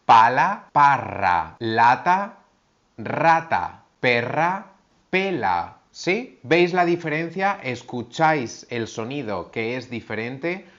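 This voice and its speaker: A man's voice: medium pitch, a bit bright, dull audio. A man teaching pronunciation, carefully spelling out sounds and example words. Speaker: language teacher. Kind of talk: slow, clear pronunciation lesson.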